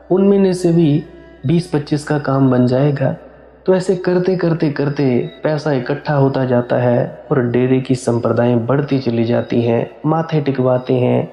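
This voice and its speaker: A man giving a spiritual discourse, earnest and direct, repeating phrases in a steady rhythm as he speaks to his listeners. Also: medium pitch, roomy sound, dull audio. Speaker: spiritual teacher. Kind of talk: satsang discourse.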